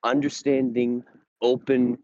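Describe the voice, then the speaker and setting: A man in casual chat on a podcast, out of breath from walking uphill as he talks, animated and swearing while he tells a story. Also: mid-range voice, slow, dry recording, dull audio. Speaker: podcast host.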